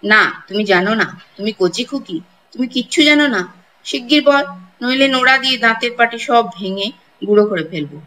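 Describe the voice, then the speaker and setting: A woman's voice: a little high, expressive, normal speed, fairly bright tone, slight background noise, poor audio. A woman voicing a harsh, bullying older village woman who scolds and threatens a girl in a storybook reading. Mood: furious.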